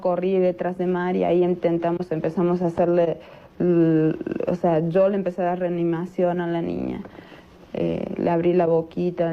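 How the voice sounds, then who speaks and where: Gravelly low woman giving halting testimony. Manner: halting, many fillers and restarts. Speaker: interviewee recounting events. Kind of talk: recounted testimony. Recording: dull lo-fi recording.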